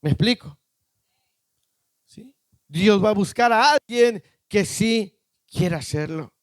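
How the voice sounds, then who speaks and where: A man preaching a sermon, emphatic, firing rhetorical questions at the congregation and rising to shouts at the peaks. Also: high-pitched, lively intonation, takes it slowly, dry recording, clean studio sound.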